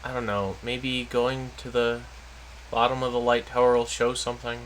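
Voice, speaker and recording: A man's voice: mid-range voice, little pitch movement, normal speed, fairly bright tone, a little hiss or hum, rough recording. A man hosting a let's play, thinking aloud and unsure in his gameplay commentary.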